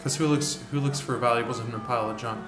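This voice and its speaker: A man's voice: mid-range voice, fairly even intonation, quick pace, fairly bright tone, echoey room, faint music behind. Rambling man narrating as game master. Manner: rambling, many fillers and restarts.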